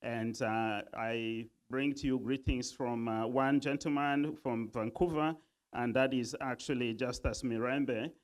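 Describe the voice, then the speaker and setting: A man from Uganda giving a formal speech at a business convention, pausing often with many fillers. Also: mid-range voice, fairly even intonation. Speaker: convention speaker.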